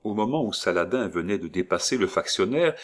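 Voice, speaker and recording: A man narrating a classic story aloud, with a fairly low voice. He reads at a steady, measured pace, carrying the scenes along in a calm storyteller's way. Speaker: audiobook narrator. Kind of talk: scripted literary narration.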